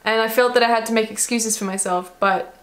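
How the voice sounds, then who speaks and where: A woman's voice: on the high side, fairly even intonation, a little fast, fairly bright tone. A woman with an Australian accent chatting casually and rambling in a self-mocking way as she reacts to an old video of herself. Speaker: vlogger.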